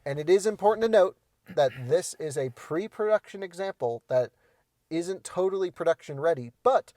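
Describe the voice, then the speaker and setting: A man's voice: high-pitched, moderate pace, dry recording, studio quality. A man in a casual car review, bluntly criticizing materials and build quality from inside a parked car. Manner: blunt, opinionated, animated critique. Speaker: co-host reviewing cars.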